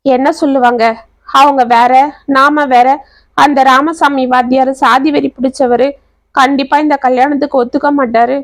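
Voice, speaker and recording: A woman's voice: high voice, level tone, moderate pace, no echo. A woman voicing a tearful, pleading young woman in love.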